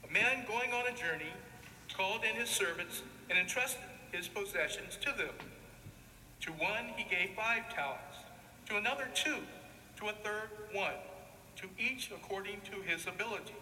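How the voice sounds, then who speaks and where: A man reads scripture solemnly in a high, very forceful and bright voice. His phrasing is measured and declamatory. The sound carries a long cathedral echo, with some noise in the recording. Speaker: deacon reading the Gospel. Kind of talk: solemn liturgical scripture reading. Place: large reverberant church. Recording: echoey church, long reverb, background noise.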